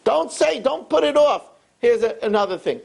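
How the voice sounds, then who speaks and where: An older man, a rabbi, delivers a sermon full of stories and acted-out voices. His voice is gravelly with a husky edge, and his pitch leaps up and down expressively. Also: moderate pace. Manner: animated storyteller who acts out voices.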